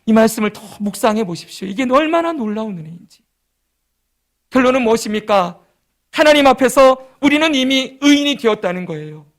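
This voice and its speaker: A man with a very high-pitched voice delivers a sermon from the pulpit. He presses his points with rhetorical questions and has the congregation repeat lines after him. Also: expressive, a little fast. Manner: emphatic preaching with rhetorical questions and call-and-response. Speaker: pastor.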